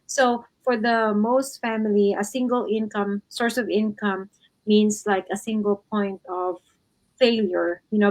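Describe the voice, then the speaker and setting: A woman's voice: medium pitch, darkish tone. A woman from the Philippines hosting an online talk show, chatting casually and using many fillers. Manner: chatty, filler-heavy, easygoing. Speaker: host.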